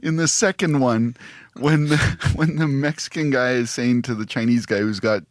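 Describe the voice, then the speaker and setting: A man co-hosting a podcast, bantering casually with lively joking asides. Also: mid-range voice, moderate pace, dry recording, clean studio sound. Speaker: podcast co-host.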